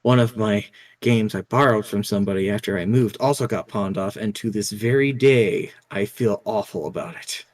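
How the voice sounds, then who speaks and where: A man's voice: on the low side, normal speed. A man streaming and chatting casually about games, a few drinks in and slurring a little, swearing freely. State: tipsy, slightly slurring. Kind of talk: casual gaming chat.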